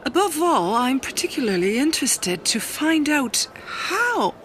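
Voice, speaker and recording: A woman's voice: high-pitched, sing-song, measured pace, fairly bright tone, slight background noise, exaggerated voice. A woman playing a practical companion who makes dry, ironic remarks in an audio drama. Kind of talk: audio drama for language learners.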